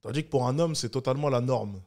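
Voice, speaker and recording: A man's voice: mid-range voice, very fast, darkish tone. Sarcastic French man reacting. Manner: sarcastic, mocking asides. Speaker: reaction video host. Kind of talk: casual commentary.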